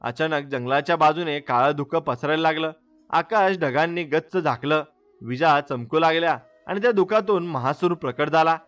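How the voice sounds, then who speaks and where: A man's voice: on the high side, moderate pace, fairly bright tone, highs cut off, soft background music. A man narrating a devotional story in a dramatic, scripted storyteller style.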